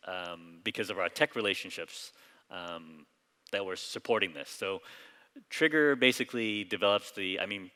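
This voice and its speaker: A man in his forties who grew up in Hong Kong, a company founder giving a relaxed conference presentation full of fillers and restarts. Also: deep voice, smooth. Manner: relaxed, loose delivery with frequent fillers and restarts. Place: large conference hall. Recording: reverberant hall.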